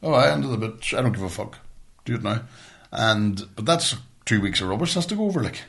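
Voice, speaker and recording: Talking fairly low but with a fairly bright tone, this middle-aged podcast co-host from Northern Ireland has lively intonation and some vocal fry, and speaks a little fast. His chat is casual, blunt and full of swearing as he rants about everyday things.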